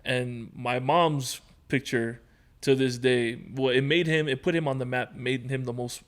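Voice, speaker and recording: A man from Hawaii, seemingly in his thirties, talks at a measured pace in a mid-range voice. Appearing as a podcast guest, he chats casually and tells rambling stories, dropping fillers along the way.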